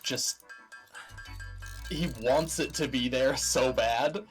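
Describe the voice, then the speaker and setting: Relaxed co-host chatting over faint music. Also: mid-range voice, takes it slowly. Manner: reacts with short interjections. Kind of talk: casual chat.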